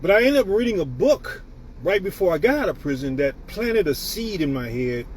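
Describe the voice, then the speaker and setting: A man's voice: high-pitched, big pitch swings, normal speed, darkish tone, slight background noise. A man in his fifties from the United States, hosting a live stream and giving a preachy motivational talk while greeting viewers by name. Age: 50s.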